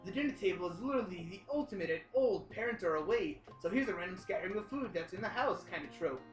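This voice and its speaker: A woman's voice: lively intonation, fast, roomy sound, soft background music. Playful young woman reading a game aloud. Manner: playful, jumps into high squeaky voices for sound effects. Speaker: let's play reader voicing a visual novel. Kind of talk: reading game text aloud with jokey commentary.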